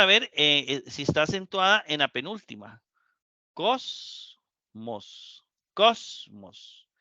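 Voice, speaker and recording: A man teaching a live class, explaining words slowly syllable by syllable and often checking in with his students. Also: medium pitch, bright, forceful tone, no echo, highs cut off. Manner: slow, syllable-by-syllable explanation with frequent "¿verdad?". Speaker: Greek teacher.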